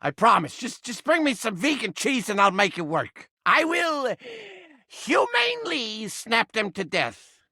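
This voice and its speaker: A brash, cranky talking rat trap from a comedic video game, voiced by a male, speaks with a thick-skinned Brooklyn street-tough manner and accent in a high, very animated, sharp, forceful voice that swings wildly up and down at a measured pace. The mood is pleading, and every line is a theatrical, wisecracking, exaggerated full character performance. It's recorded close and dry with no room sound.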